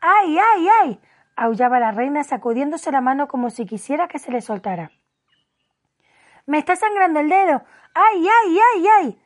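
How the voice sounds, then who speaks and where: A woman voicing a flustered, very old storybook queen who wails in a shrill, high voice. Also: a little fast, few pauses, darkish tone, lightly acted. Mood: shrieking. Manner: wailing, high-pitched shrieks.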